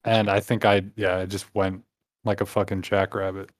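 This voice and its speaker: A man's voice: low-pitched, level tone, moderate pace. A young man co-hosting a podcast, chatting in a crude, joking, laid-back way. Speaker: podcast co-host. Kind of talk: casual chat.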